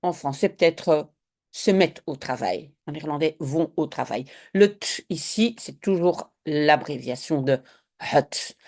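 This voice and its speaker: A woman's voice: low-pitched, expressive, a little slow, darkish tone. A woman with a Belgian French accent, a language teacher patiently explaining a Dutch reading step by step to French speakers.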